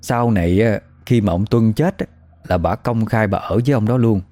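A man's voice: lowish voice, moderate pace, mellow, dry recording. A man with a Southern Vietnamese accent telling a spooky folk story in a chatty, gossipy way. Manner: conversational, gossipy retelling.

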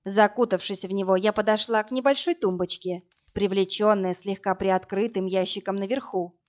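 A woman reading a first-person story aloud as narrator, in a steady, even storytelling manner. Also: mid-range voice, normal speed. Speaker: audiobook narrator. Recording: dull lo-fi audiobook, faint music.

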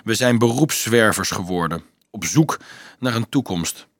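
A man's voice: on the low side, lively intonation, measured pace, no room sound. Man reading as a serious young crusade leader, terse, dry close sound; storybook role. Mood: earnest. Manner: curt, serious. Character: earnest teenage boy leader of a crusade.

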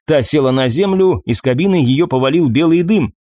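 A man reading an audiobook in a measured, even storytelling voice. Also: on the high side, no room sound. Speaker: audiobook narrator. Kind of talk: scripted narration.

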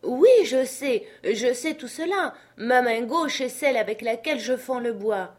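A high, loud voice for a jumpy old male servant up a tree, exclaiming and pleading by turns, as a woman reading a storybook puts him on. He sounds chatty and easily frightened. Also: a little slow. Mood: alarmed.

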